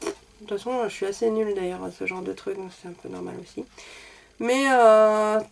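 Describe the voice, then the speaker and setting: A woman's voice: medium pitch, fairly even intonation, moderate pace, gravelly, slight background noise. A woman reviewing makeup in a chatty, self-deprecating way, a little sick and coughing now and then. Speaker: beauty vlogger.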